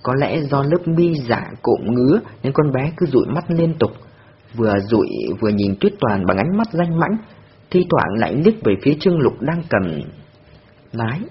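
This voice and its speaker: A man narrating an audiobook with expressive storytelling. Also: mid-range voice, moderate pace, breathy edge. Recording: dull lo-fi recording.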